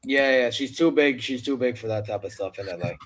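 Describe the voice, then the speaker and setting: A man with a middling-pitched voice takes part in a casual wrestling chat. He chimes in with short interjections, often repeating words as he agrees. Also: brisk, a little hiss or hum. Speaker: wrestling podcast panellist.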